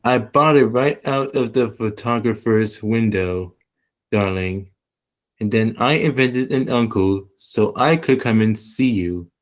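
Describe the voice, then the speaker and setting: Sheepishly confessing, the gentle, bashful middle-aged salesman of a 1940s-style radio play is voiced by a man with hesitant, measured delivery. He pitches his voice on the low side and acts it only lightly.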